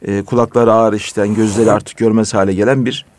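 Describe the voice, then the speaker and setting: A man in a casual discussion, telling stories in an earnest, animated way. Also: fairly low pitch, a little fast.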